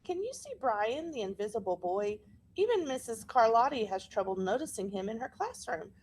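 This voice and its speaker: A woman with a fairly high, slightly rough voice reads a children's picture book aloud, telling the story in an expressive, deliberate way.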